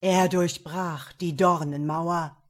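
A thundering demon lord of fire rolls out each word low, loud and slow, as a woman puts him on. He speaks with commanding menace in this read-aloud fantasy tale. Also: fairly even intonation. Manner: booming, commanding.

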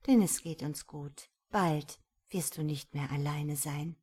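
A woman voicing a loving mother who speaks softly and slowly to comfort her daughter. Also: low voice, fairly even intonation, slightly rough, full character voice. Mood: soothing. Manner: soft, slow and soothing.

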